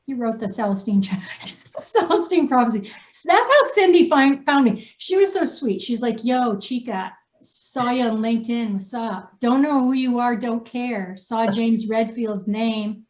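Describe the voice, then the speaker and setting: Chatty and informal, a New Hampshire host and co-author uses slangy phrasing while reading aloud from a personal story in a casual, unscripted group conversation. She speaks at normal speed with an animated, fairly high voice, in a dull, echoey room.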